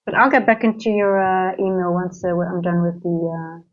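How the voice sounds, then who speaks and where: A woman's voice: fairly low pitch, level tone, moderate pace, dull audio. A woman who grew up in Singapore, hosting a live trading stream and thinking aloud as she goes, with many fillers and restarts. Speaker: trading livestream host. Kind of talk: live market commentary and viewer chat.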